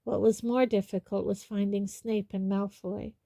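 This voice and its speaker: A woman reading a novel aloud in steady audiobook narration. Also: medium pitch, moderate pace, gravelly, no echo. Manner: steady storytelling. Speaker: audiobook reader.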